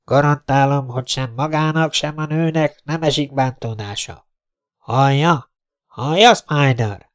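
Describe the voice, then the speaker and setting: A man voicing a stern male police captain who gives orders through a loudspeaker. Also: fairly high pitch, pitched above the performer's own voice, close to an everyday voice. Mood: commanding. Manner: commanding, demanding.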